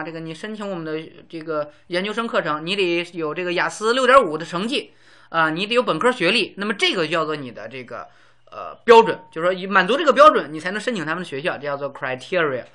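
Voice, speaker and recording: Chatty male teacher, bright voice. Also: a little high. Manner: chatty, explains with everyday examples, many fillers. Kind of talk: casual recorded lesson.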